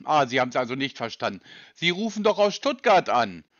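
A man's voice: medium pitch, big pitch swings, a little fast, a bit bright, no echo. A man on a phone call, questioning a sales agent insistently and with sarcasm. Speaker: person being called by a sales agent.

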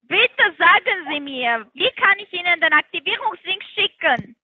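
Give me a woman on a phone sales call, her voice very high and thin as it comes over a muffled, lo-fi phone line. She speaks broken German and keeps pressing the same points insistently, repeating herself. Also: sing-song, normal speed, no room sound. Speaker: telephone trading account adviser.

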